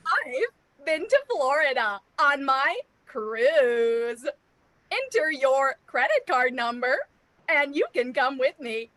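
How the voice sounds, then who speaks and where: A woman playing a sly female phone scammer who insists she is not a robot, talking in a slow, sugary sales pitch. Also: very animated, a bit bright, full character voice. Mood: wheedling. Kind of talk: improv comedy game.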